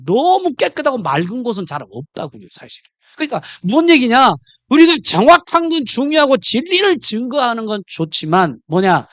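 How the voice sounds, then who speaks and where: Animated man preaching a sermon. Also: extremely high pitch, no room sound. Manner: animated, questions the congregation. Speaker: pastor.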